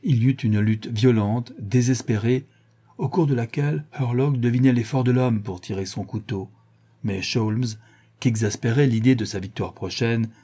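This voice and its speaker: Audiobook narrator, man, mellow and dark-toned, steady reading. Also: medium pitch, slightly rough.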